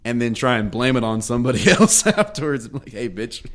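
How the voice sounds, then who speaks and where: A podcast co-host tells a crude story in a casual, profane way, laughing a lot and acting out the quoted dialogue. He talks briskly in a mid-range, sing-song voice.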